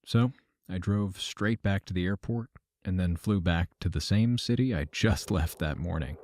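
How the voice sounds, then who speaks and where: Speaking naturally in a deep voice at a moderate pace, an actor plays a wry, matter-of-fact man narrating his trip between simulations. The delivery is dry and deadpan, the phrasing formal and wordy, in first person. The recording is dry, with music underneath.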